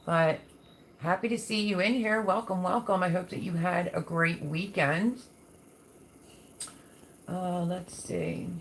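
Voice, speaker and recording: A woman's voice: on the low side, moderate pace, a little hiss or hum. A woman hosting a casual live chat, talking in a folksy, affectionate way as she reads and answers viewer comments. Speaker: livestream host.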